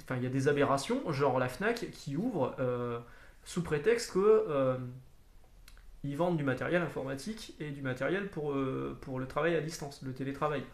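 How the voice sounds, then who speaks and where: A man's voice: mid-range voice, expressive, moderate pace, creaky. Chatty man in an echoey room. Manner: chatty, rambling, many fillers and restarts. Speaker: comic book reviewer. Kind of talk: casual video review.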